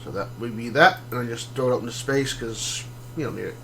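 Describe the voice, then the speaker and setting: A man with a mid-range voice and vocal fry talks fast while streaming a space game, with slight background noise. His gameplay commentary is casual and relaxed, full of ums, restarts, and rambling explanations.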